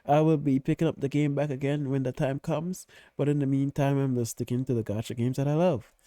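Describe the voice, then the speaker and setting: Blunt, profane man with a mellow voice. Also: medium pitch, fairly even intonation, a little fast, no echo. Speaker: reaction video host. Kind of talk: casual reaction commentary.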